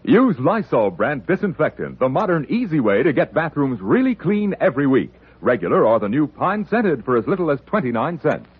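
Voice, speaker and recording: A man's voice: on the high side, very animated, fairly quick, hardly any pauses, husky. A man reading a 1950s radio commercial as the announcer. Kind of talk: 1950s radio advertising read. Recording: thin, phone-like old radio sound.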